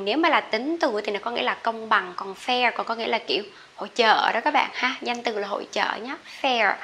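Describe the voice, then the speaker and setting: A woman's voice: on the high side, pushed and bright. A woman with a Vietnamese accent teaching English vocabulary, chatting with viewers and repeating each word for them to drill. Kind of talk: vocabulary lesson.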